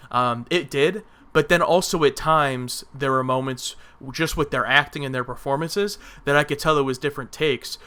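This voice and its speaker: A man's voice: medium pitch, bright, forceful tone, smooth. A man co-hosting a podcast, chatting casually and giving opinionated film reviews with frequent restarts. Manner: opinionated, rambling with restarts and filler. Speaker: podcast co-host.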